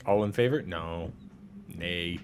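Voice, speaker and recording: A man's voice: low voice, takes it slowly, slight background noise. A young man casually commenting on a game he plays, joking and rambling to viewers. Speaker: gaming streamer. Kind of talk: casual let's-play commentary.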